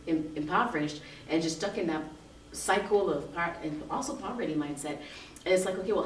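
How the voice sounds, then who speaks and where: A woman hosting an interview, talking through questions about money in a casual chat. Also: sits low. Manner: talks quickly, leading questions. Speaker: host. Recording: roomy, distant mic, faint noise.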